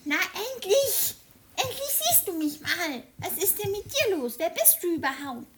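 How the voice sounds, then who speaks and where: A woman's voice: fairly high pitch, lively intonation, measured pace, a bit bright, slight background noise. A woman voicing a small, chatty, curious female mouse in a children's story. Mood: excited. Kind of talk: children's audio story acting.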